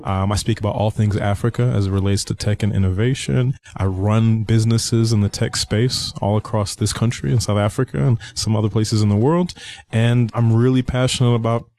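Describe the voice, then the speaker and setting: A man's voice: fairly low pitch, fairly even intonation, a little fast, mellow. A man from Zimbabwe, a guest tech entrepreneur, talking in an easygoing, agreeable way. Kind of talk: casual interview chat.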